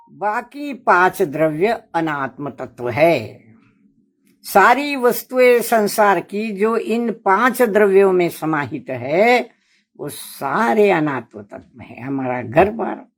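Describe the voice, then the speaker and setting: A woman lecturing on a religious epic poem, explaining slowly and deliberately and repeating phrases for emphasis. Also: mid-range voice.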